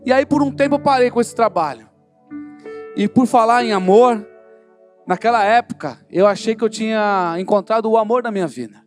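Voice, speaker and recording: Brazilian male preacher, very high voice, fervent storytelling testimony. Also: moderate pace, soft background music. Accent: Brazilian Portuguese. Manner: storytelling, acting out dialogue, growing fervent. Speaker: preacher giving his testimony. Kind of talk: sermon testimony. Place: church service in a hall.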